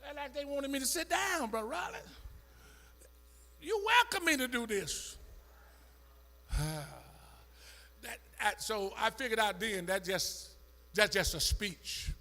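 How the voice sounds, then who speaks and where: A man's voice: extremely high pitch, expressive, slow, pauses often, sharp tone. A man preaching a sermon in a church with a Southern American accent, calling out to the congregation and rising into a sung, chanted whoop. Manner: call-and-response, dialect-rich, emotional chanting.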